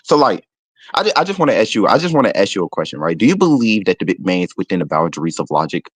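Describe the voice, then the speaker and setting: A man's voice: low voice, very animated, fast talker, husky, no room sound. A man in a heated voice-chat debate, combative, cutting in and stammering as he repeats himself. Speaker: religious debater.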